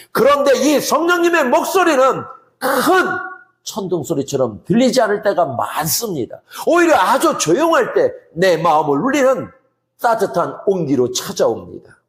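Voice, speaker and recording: High-voiced man preaching earnestly. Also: wildly swooping pitch, normal speed. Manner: gentle, earnest preaching with emphatic swells. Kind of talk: sermon. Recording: roomy echo.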